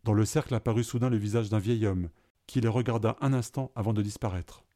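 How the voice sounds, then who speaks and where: Male storyteller, low warm voice, calm steady read-aloud. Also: fairly quick. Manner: calm, even narration. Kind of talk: reading an adventure story aloud.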